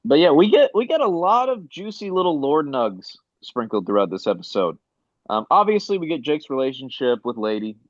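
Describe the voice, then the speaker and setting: A man's voice: fairly high pitch, big pitch swings, brisk, no echo. A man hosting a podcast in casual chat, leading the talk and laughing often. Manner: laughs often, leads the discussion. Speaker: podcast host. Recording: dry, dull lo-fi mic.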